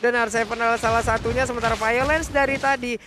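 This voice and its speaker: Indonesian guy co-casting esports, really high voice, lots of noise behind. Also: steady tone, quick pace. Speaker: esports co-commentator. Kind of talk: live colour commentary. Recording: noisy live broadcast ambience.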